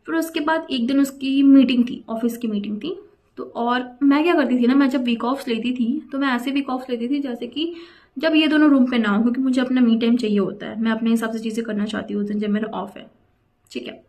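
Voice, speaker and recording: A woman's voice: on the high side, steady tone, brisk, a little mellow. A young woman telling a personal story in a chatty, indignant way, dropping English phrases into her talk. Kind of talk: casual storytime vlog.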